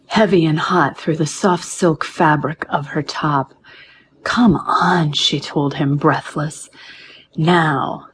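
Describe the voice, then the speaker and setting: A woman narrating an audiobook in a smooth, even storytelling manner. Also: low-pitched, a little hiss or hum.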